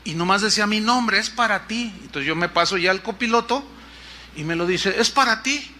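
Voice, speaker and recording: A middle-aged Mexican man, a pastor telling a story in a sermon, acting out the dialogue with lively shifts of voice. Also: normal speed, a little hiss or hum. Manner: animated, acts out dialogue with shifting pitch.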